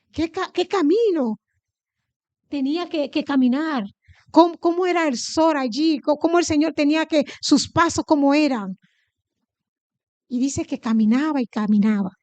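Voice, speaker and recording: A woman from the Dominican Republic preaches to her church in a Dominican accent, with a high voice. She keeps putting questions to the congregation and answering them herself. The sound is dry and close, with little room echo. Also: normal speed, darkish tone, lo-fi sound. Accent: Dominican Spanish. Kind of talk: sermon.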